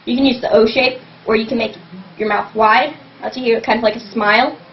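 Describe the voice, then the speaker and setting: A woman's voice: fairly high pitch, steady tone, fairly quick. A young woman in a casual home tutorial, rambling and saying "like" constantly as she explains vocal technique. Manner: rambling, fills every phrase with "like". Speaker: vlogger teaching scream technique. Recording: dull lo-fi webcam audio, faint hum.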